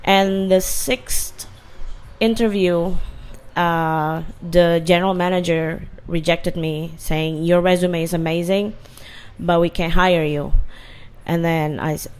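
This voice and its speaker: A woman speaks as an interview guest. She tells her story slowly and earnestly, restarting phrases and using fillers. Her voice is smooth and clear, set somewhat low. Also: steady tone, darkish tone. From Indonesia. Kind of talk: casual interview.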